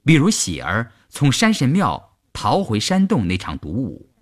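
Male story narrator, mid-pitched, very animated intonation, dramatic reading. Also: measured pace.

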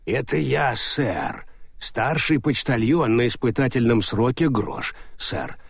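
A man's voice: medium pitch, animated, takes it slowly, dry recording, studio quality, exaggerated voice. A man doing a wheezy fussy old postman. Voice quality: wheezy, hoarse whisper. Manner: formal, ends sentences with "sir". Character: fussy old male postman, nervous but dutiful. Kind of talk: audiobook character voicing.

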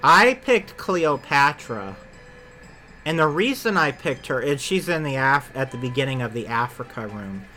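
A man's voice: mid-range voice, animated, measured pace, bright, forceful tone. A man co-hosting a podcast, chatting casually and rambling, often correcting himself mid-sentence. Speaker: podcast co-host. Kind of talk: casual chat about theme park attractions.

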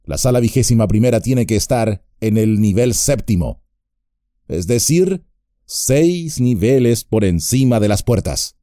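A grave old wizard speaks with solemn weight in a storybook reading, as a man puts him on. His delivery swings widely in pitch over a mellow, warm tone. The sound is close and dry. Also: expressive, dry recording. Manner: solemn, measured speech that turns urgent.

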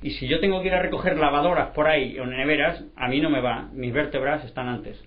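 Lively man telling stories, lo-fi. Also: fairly high pitch, fast. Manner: animated storyteller acting out dialogue. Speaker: street sweeper. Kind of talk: casual group discussion. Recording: lo-fi recording.

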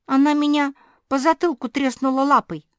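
A woman's voice: mid-range voice, expressive, a little slow, no echo, studio quality, voice pushed up, close to an everyday voice. A woman voicing a young, earnest female pug puppy in an audiobook, telling her side eagerly. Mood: aggrieved.

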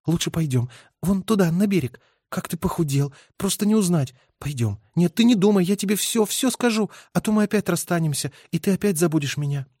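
Man doing a young woman army medic, higher softer voice, tender and a bit scared. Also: lively intonation, brisk, slightly rough, dry recording, studio quality. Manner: soft, whispering.

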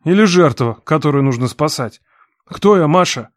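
A woman voicing a rough, angry young man who is drunk, speaking in a low, hoarse, demanding voice for an audiobook. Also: expressive, normal speed, darkish tone, dry recording, clean studio sound, heavily acted. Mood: angry pleading. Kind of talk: audiobook reading.

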